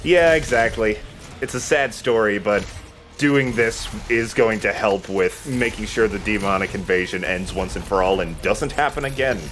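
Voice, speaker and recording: At a moderate pace, a man with a lowish, slightly bright voice plays a game for his let's play. He chats casually, joking and rambling, while video game music runs underneath.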